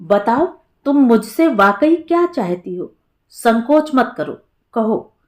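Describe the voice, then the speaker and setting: एक महिला कथावाचिका द्वारा निभाया गया एक हँसमुख, चिढ़ाने वाला वयस्क पुरुष, पुराने कॉलेज का दोस्त, जो बेफ़िक्र और मज़ाकिया अंदाज़ में बात करता है। कहानी के पाठ जैसी सहज, बोलचाल वाली delivery.. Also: female voice, fairly high pitch, very animated, slow pace. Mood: friendly, teasing. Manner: joking, easygoing. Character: cheerful teasing grown man, old college friend. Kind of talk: storybook narration.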